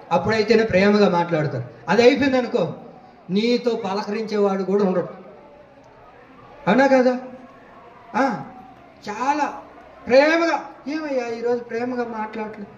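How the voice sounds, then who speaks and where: A man's voice: sits high, muffled recording, a little hiss or hum. A male pastor preaching a sermon, emphatic and repetitive, speaking directly to his congregation. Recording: echoey hall, distant mic.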